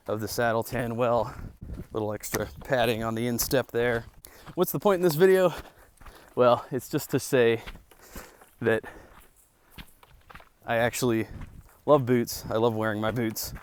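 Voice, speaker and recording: A man with a medium-pitched voice vlogs outdoors on a trail. He talks casually and reflectively, thinking aloud as he rambles along. There is faint background noise with some clicks. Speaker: vlogger and boot reviewer. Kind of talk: casual rambling vlog talk. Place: outdoors on a mountain hiking trail.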